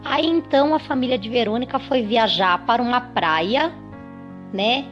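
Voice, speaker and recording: A woman's voice: a little high, normal speed, highs cut off. A woman casually telling a children's story off the cuff, with lots of fillers and restarts, faint music behind. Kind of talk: improvised children's story narration.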